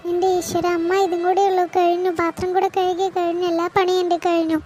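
A woman's voice: extremely high pitch, level tone, a little fast, a little mellow, soft background music. A woman voicing a timid pleading young bride. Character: meek frightened young daughter-in-law. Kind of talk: cartoon voice acting.

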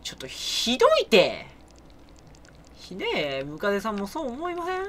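A man giving let's play commentary, talking to himself and yelling at the enemy in sudden outbursts. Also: high voice, wildly swooping pitch, normal speed. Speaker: game streamer. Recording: keyboard typing noise behind the voice.

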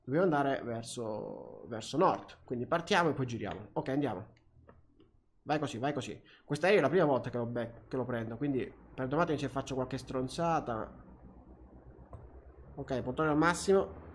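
A young Italian man commenting on his flight simulator gameplay, excitable, swearing often and talking to himself and the plane. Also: mid-range voice. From Italy. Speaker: gaming youtuber. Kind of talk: flight sim let's play commentary.

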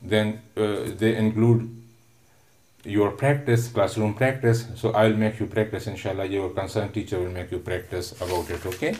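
A man's voice: fairly low pitch, steady tone, a little mellow. Patient man teaching an English lesson. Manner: patient, repetitive, explains word by word with many "uh" fillers; drawn-out syllable sounding when teaching pronunciation. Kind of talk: recorded online classroom lesson.

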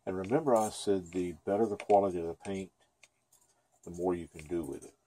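A man's voice: sits low, brisk, mellow, breathy edge. A man giving a casual, chatty painting lesson at his easel, thinking aloud as he works. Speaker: painting instructor. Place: dim room at an easel.

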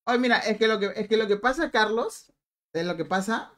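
A man's voice: high voice, fairly quick, a bit bright. A young man streams a game, reading chat aloud and teasing viewers. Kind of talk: live stream chat while gaming.

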